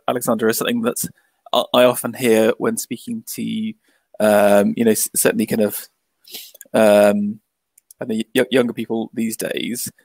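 A man with a gravelly, creaky voice talks through an idea about art in a casual discussion. He hesitates, repeats words and leans on fillers, and the recording is dry with little room sound. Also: medium pitch, no echo. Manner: hesitant, stammering with many fillers.

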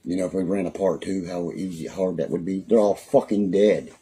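A man's voice: low voice, fairly quick, warm tone, breathy edge. A young man with a West Virginian accent, ranting angrily and threatening, swearing constantly on a phone live stream at home. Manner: angry, rambling, threatening, heavy swearing. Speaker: livestreamer. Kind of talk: profane live-stream rant. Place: small room at home, indoors.

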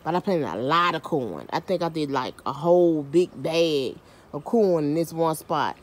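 A woman's voice: low-pitched, animated, normal speed. A woman giving a chatty, self-mocking garden tour outdoors, filming on a handheld phone. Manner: chatty, self-mocking, uses Southern US slang. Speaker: home gardener and vlogger. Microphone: handheld phone camera.

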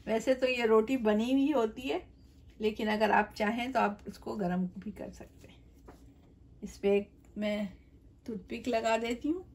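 Standing at her kitchen counter, a middle-aged cooking channel host demonstrates a home recipe, chatting and explaining each step while she works and repeatedly turning toward the viewer. Her voice is a little high for a woman and slightly mellow, with fairly even intonation and a measured pace.

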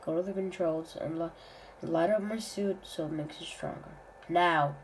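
A woman's voice: lowish voice, moderate pace, a little hiss or hum, lightly acted, poor audio. A woman voicing a grown male armored hero in a homemade toy-play drama, giving short, terse commands. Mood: commanding.

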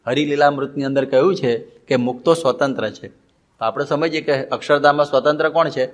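A middle-aged man with a Gujarati accent preaching a sermon, animated and storytelling, sharply rising and falling for emphasis. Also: mid-range voice, a little fast. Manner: mixes English phrases into Gujarati. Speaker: monk preacher.

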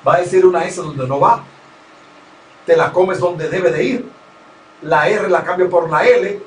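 Male announcer guest, lecturing tone, slightly high voice, distant echoey mic. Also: measured pace. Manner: didactic, lists points and gives advice. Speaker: professional radio announcer, interview guest. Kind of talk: conversational interview. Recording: roomy, distant mic with faint noise.

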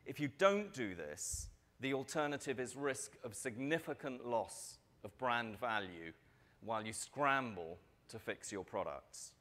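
A middle-aged man giving a prepared keynote speech on a large conference stage, speaking at a lectern mic in a measured, steady way with the odd filler. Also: mid-range voice.

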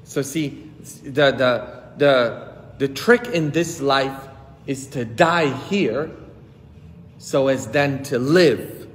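A man in his thirties, a priest giving a sermon on a headset mic, preaching emphatically with big swings in pitch and loudness. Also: very slow. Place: church sanctuary with long reverb. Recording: hall reverb from church.

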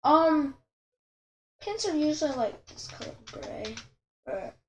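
High-voiced, slow-talking woman vlogger. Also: big pitch swings, reverberant, slight background noise. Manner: rambling, self-correcting, chatty with viewers. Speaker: channel host. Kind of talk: casual commentary while drawing.

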